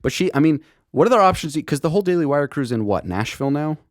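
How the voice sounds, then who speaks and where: Rambling, profane young man with lively pitch. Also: fast talker, dry recording, clean studio sound. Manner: rambling, profane, laughs often, many restarts. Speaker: podcast host. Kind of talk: casual chat.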